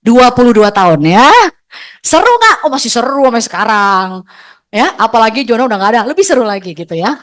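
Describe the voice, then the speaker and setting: A middle-aged woman, giving a lively, chatty motivational stage talk as an agency leader, teasing her audience. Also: on the high side, a little fast.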